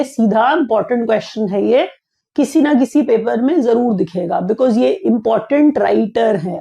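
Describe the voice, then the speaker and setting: In a dull-sounding recording, a woman with a high, creaky, warm voice leads an exam-prep lesson in a conversational style. She explains through repetition and restatement and puts questions to the listener.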